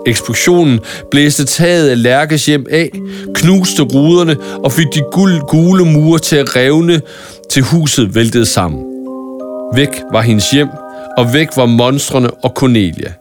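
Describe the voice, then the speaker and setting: A man reading a scripted Christmas story aloud in a calm, even storytelling manner with small stumbles now and then. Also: medium pitch, music in the background. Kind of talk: scripted audiobook narration of a Christmas tale.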